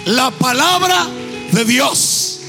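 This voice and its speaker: A male pastor preaching a sermon in a church, in a fervent, half-sung delivery that rises into shouts. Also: extremely high pitch, lively intonation, extremely slow, big-room sound, over music. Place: church sanctuary.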